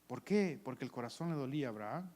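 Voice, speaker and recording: A man preaching a sermon as pastor, with animated delivery that swings between loud calls and hushed asides, acting out voices from the story. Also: mid-range voice, quick pace. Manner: acts out voices of people in the story.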